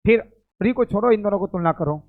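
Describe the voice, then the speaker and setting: A man's voice: sits high, fairly quick. A man teaching a grammar lesson, repeating each point and drilling students aloud. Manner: uses cricket analogies. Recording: tinny phone-like recording.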